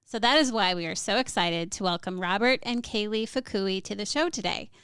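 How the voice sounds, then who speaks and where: A woman's voice: mid-range voice, fairly quick, fairly bright tone, smooth, dry recording, clean studio sound. A woman co-hosting a podcast, introducing her guests in an upbeat, articulate way. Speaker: podcast co-host.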